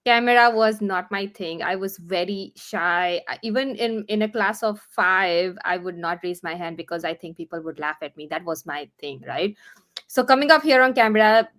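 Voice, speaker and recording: A woman's voice: mid-range voice, fairly bright tone. A woman hosting a casual live online interview, earnest and encouraging, often restarting her sentences. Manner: halting, with many restarts and fillers. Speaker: host.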